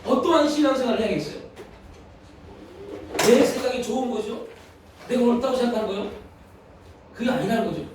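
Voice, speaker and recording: A man's voice: extremely high pitch, brisk, pauses often, background noise. A man preaching a sermon as pastor, earnestly telling a personal story. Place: church sanctuary. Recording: echoey hall from far off.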